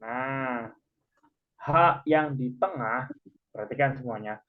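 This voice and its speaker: Guy teaching an online class, talks slow n patient, explains step by step, dull call audio. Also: medium pitch. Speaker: Korean language teacher. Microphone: video call. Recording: muffled video call audio.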